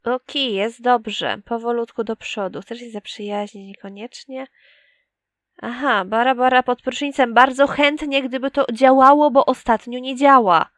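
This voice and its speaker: A woman's voice: a little high, fairly even intonation, a little slow, fairly bright tone, no room sound. A young woman chatting casually as she plays a life-sim game, teasing the characters and talking to them directly. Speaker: gaming YouTuber. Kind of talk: casual let's play commentary.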